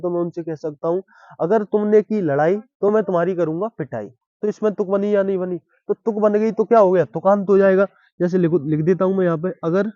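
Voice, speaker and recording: High-voiced man teaching in a dull dry recording. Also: dark tone, dry recording. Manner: explains slowly, keeps asking if it is understood. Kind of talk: classroom-style Hindi poetry lesson.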